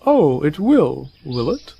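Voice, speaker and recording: An actor, a woman, playing a dry, would-be wise owl messenger in a children's audio drama, deliberate and questioning. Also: sits low, sing-song, creaky, breathy edge, lo-fi sound, full character voice. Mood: dry, doubtful.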